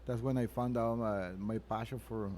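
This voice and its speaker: Earnest man with a mellow voice. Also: medium pitch, fairly even intonation, slight background noise. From Venezuela. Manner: earnest, halting, with frequent restarts. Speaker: chef and restaurant owner, guest. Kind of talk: interview answers. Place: his restaurant.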